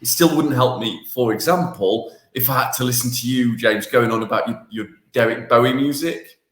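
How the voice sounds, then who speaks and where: A man's voice: mid-range voice, moderate pace, fairly bright tone, reverberant. A man co-hosting a podcast, talking casually in a rambling, self-deprecating way with lots of restarts. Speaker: podcast co-host. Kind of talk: casual banter.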